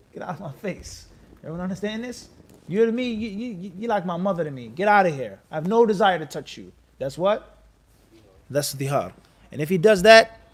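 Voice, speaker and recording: A high-pitched man leads a live-streamed Islamic class at a mosque, lecturing in a conversational style. He keeps the exchange animated with questions, prompts listeners to finish his sentences, and mixes Arabic terms into his English.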